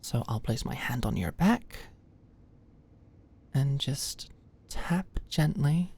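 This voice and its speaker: This young adult woman has a rumbling low, slightly rough voice, performing a full character in an ASMR roleplay as a nervous, awkward female medical student. She speaks slowly and animatedly, hesitant and stammering but softly attentive and careful. The scripted, one-sided dialogue is intimate and captured dry on a close studio-style mic.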